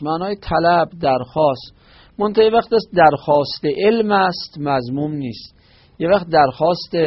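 A man's voice: on the high side, slightly rough. A man giving a religious lesson on word meanings. He explains step by step, quoting Arabic phrases and glossing each one, with frequent restarts and self-corrections. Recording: dull, lo-fi recording.

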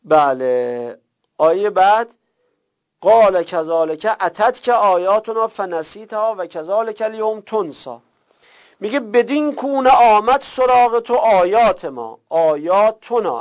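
A man teaching a Quranic Arabic grammar lesson, drilling verb forms slowly one by one. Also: high voice. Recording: gravelly, dull lo-fi recording.

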